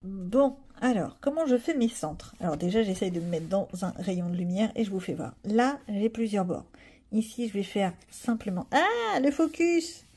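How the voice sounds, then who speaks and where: A woman's voice: medium pitch, normal speed, dark tone, slightly rough. A woman vlogger chatting casually to viewers while she colors, with chatty self-mocking asides.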